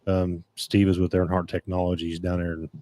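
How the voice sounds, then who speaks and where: A low-pitched, warm, monotone male voice at a moderate pace belongs to a podcast host chatting casually about dirt track racing. As he reads out comments, he rambles and restarts a lot, and his voice is getting scratchy.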